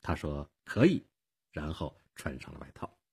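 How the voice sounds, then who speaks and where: A man narrating a radio audiobook in a dramatic, expressive storytelling manner. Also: a bass voice, normal speed, breathy edge.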